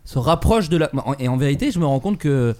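A man's voice: a little high, lively intonation, fast talker, warm tone. A man from Burgundy hosting a podcast, asking questions and talking about himself in a hesitant, self-questioning way. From Burgundy, France. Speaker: podcast host. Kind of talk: casual chat.

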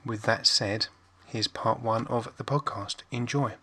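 A man casually introducing a podcast as its host, deadpan, rambling and sweary. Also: medium pitch, a little slow, very noisy.

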